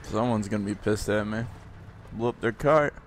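A young man giving brash, loud commentary while playing a shooter game, talking back to the characters on screen. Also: on the low side, moderate pace, slight background noise. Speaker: gamer. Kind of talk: gameplay commentary.

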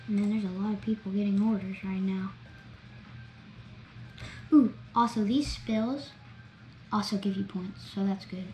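A woman's voice: mid-range voice, unhurried, long pauses, soft background music. Chatty girl-voiced gamer in an echoey room. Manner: chatty, excitable, narrates each step. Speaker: gameplay vlogger. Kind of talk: gameplay commentary. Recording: roomy echo, faint background noise.

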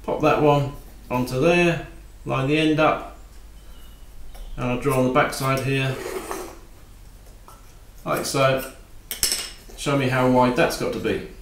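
A man giving a calm, practical woodworking tutorial while he works at a bench in his home workshop. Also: mid-range voice, slow, pauses often, roomy sound, background noise. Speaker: woodworking instructor.

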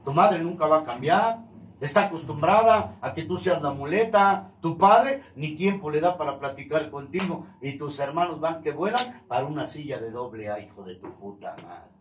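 High-voiced, cursing Mexican man in a hall. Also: expressive, moderate pace, distant mic, a little hiss or hum. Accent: Mexican Spanish. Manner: crude, confrontational and heavily profane. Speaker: speaker at a recovery group meeting. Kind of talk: harsh testimony at a support group podium.

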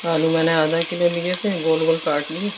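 Cooking at home, a woman talks through her recipe at a moderate pace in a low voice with a level tone. Her phone recording sounds dull, and indoor kitchen noise of sizzling, frying and stirring is loud in the background.

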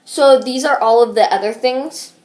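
A woman's voice: fairly high pitch, normal speed, darkish tone. A young woman chatting casually and jokily as host of an amateur unboxing video, playful and mock-dramatic, her voice echoing in a bathroom. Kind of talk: casual, jokey unboxing chat. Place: small indoor bathroom. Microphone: built-in tablet microphone. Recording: bathroom echo, amateur tablet recording.

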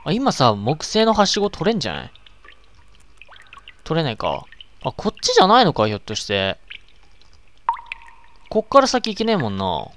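A man playing a horror game, muttering to himself and yelling back at the ghosts. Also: on the high side, huge pitch swings, moderate pace, pauses often, a little hiss or hum. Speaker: let's-play streamer. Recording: loud rain game audio behind.

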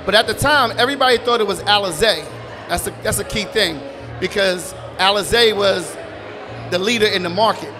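New York guest, higher male voice, relaxed animated storyteller, music playing behind. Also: normal speed, crowd noise. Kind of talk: casual interview storytelling. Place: live brunch event.

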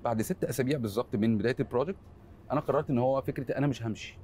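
A man's voice: medium pitch, rapid-fire, mellow, a little hiss or hum. An Egyptian man in his forties with an Egyptian Arabic accent, a film editor speaking earnestly as an interview guest, often trailing off into repeated fillers. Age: 40s. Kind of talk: candid interview conversation.

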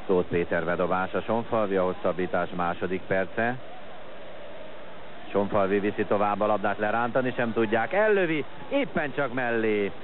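A man giving excited live football commentary in short, clipped phrases. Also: on the low side. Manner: excited at chances and goals, calling play in short clipped phrases. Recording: noisy lo-fi match broadcast.

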